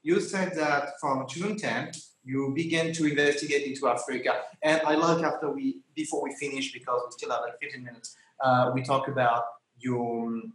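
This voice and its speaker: A man hosting a conversational interview, haltingly rephrasing as he goes. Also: medium pitch, fairly even intonation, a bit bright. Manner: halting, rephrases questions repeatedly. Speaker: interview host. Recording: echoey, roomy sound.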